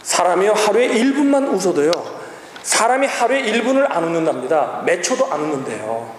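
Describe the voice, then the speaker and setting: A man in his forties delivers an emphatic sermon with a strikingly high voice, calling out to the congregation and then dropping to low asides. His voice rings through a roomy church hall with a long, trailing reverb. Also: very animated, fairly quick, a little hiss or hum. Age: 40s. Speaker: pastor.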